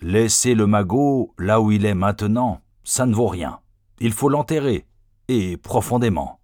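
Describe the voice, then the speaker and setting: A man's voice: on the low side, animated, unhurried, a little mellow, no room sound, clean studio sound. A man voicing a menacing, vengeful male outlaw who speaks sternly and threateningly. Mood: cautious.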